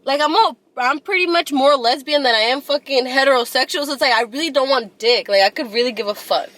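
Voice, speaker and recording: A woman's voice: sits high, fast, a bit bright, no echo. A woman in her twenties casually telling a long personal story, blunt and profane. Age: 20s.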